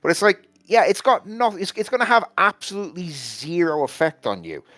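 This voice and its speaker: A man co-hosting a podcast, talking in halting starts and repeating his first words before getting going. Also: sits high, lively intonation, a bit bright, no echo. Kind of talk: casual podcast discussion.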